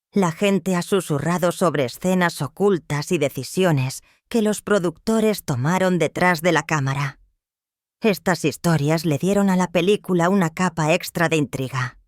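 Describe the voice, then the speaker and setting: Measured narrator with a dry voice. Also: mid-range voice, expressive, no echo. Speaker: documentary narrator. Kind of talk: scripted narration.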